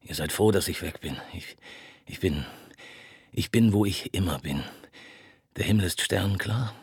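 A man's voice: low voice, slightly rough, no echo, studio quality, full character voice. A man voicing a broken, stammering drunk on the phone. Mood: bitter. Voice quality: cracked, brittle voice. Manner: halting, stammering, half-whispered. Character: broken-voiced troubled middle-aged man, drunk-sounding. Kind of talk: audiobook dialogue.

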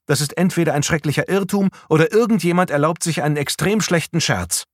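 A man's voice: fairly high pitch, fairly quick, no echo, studio quality, voice pushed up, natural voice. Audiobook wife, indignant and firm, voiced by a man. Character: woman, wife defending her husband.

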